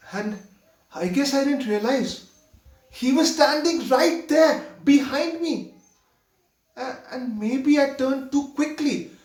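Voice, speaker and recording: A man performs a monologue as a flustered young theater usher on his first night, confessing nervously and with stammers. His voice is very high and exaggerated, and the sound is roomy and distant.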